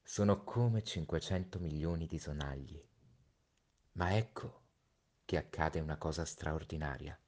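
Deep calm guy reading a story out loud, slow and hushed. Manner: slow, hushed, reflective pauses. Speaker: storybook reader. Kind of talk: read-aloud story narration.

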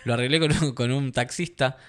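A man's voice: mid-range voice, fairly even intonation, a little fast, fairly bright tone. A young man from Argentina with an Argentine accent, telling stories as a fighter guest in a casual interview, laughing often and acting out quotes in a raised voice. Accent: Argentine Spanish.

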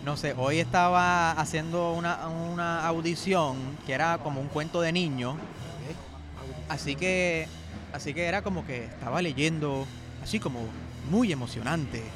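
A man's voice: on the high side, a little slow, over music. A man with a Puerto Rican accent, a voice actor, explaining things in an easygoing casual chat. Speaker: voice actor and audiobook producer.

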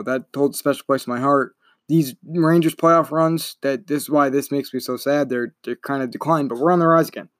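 A man's voice: a little high, no echo, studio quality. A young man hosting a casual solo sports podcast, talking in a rambling, chatty way and often correcting himself. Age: young adult. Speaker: podcast host.

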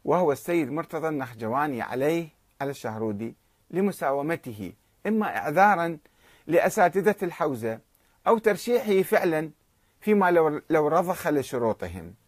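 A man's voice: a little high, very animated, a little fast, dry recording. A man narrating a historical account, reading quoted exchanges with rising emphasis.

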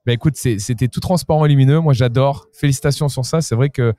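A man's voice: mid-range voice, fast talker, warm tone, no echo. A man hosting an interview podcast at a trade fair, talking with enthusiasm, with faint concert music behind him. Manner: enthusiastic, talkative. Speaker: podcast host. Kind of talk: casual interview.

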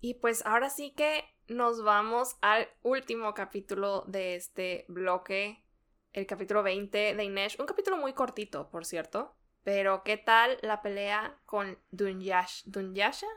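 A woman's voice: mid-range voice, a little slow, a bit bright. A woman co-hosting a casual book discussion, chatty, laughing often and trailing off mid-thought. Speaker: book podcast co-host.

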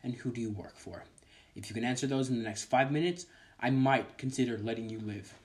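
A man's voice: mid-range voice, fairly quick, natural voice. A man voicing an imposing male gnome commander who interrogates strangers in a commanding manner.

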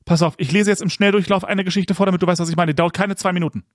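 An enthusiastic man co-hosting a podcast, gushing with many restarts. His voice is fairly high for a man. The sound is close and dry. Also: fairly even intonation, very fast, no echo. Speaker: podcast co-host. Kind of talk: casual chat and storybook read-aloud.

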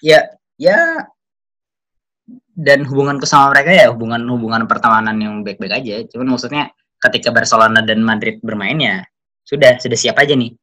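Young male guest, bright clear tone, relaxed conversational football talk. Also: medium pitch, brisk, pauses often. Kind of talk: casual football chat.

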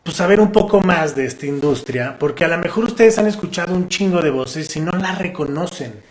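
A man's voice: fairly high pitch, a little fast. Slangy Mexican man in an echoey studio. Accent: Mexican Spanish. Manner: slangy, relaxed, acts out examples. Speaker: radio host. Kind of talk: casual radio chat.

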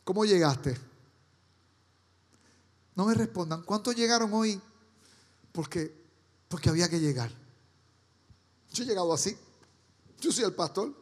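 A man's voice: high-pitched, expressive, unhurried, long pauses. A man preaching a sermon as pastor, firing rhetorical questions at the congregation. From Caribbean. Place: church. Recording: reverberant church hall.

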